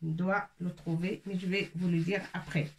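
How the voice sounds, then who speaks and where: A woman's voice: fairly low pitch, little pitch movement, normal speed, darkish tone, slight background noise. A woman teaching a lesson, speaking patiently, repeating each word and checking that her listeners follow. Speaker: Arabic teacher. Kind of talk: slow explanatory lesson, French mixed with Arabic terms. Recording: echoey room, voice from a distance.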